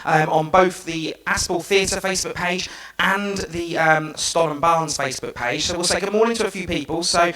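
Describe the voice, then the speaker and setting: A man's voice: high voice, normal speed, sharp tone, roomy sound, poor audio. A man presenting a live online children's show in an upbeat, gushing way, repeating words for emphasis.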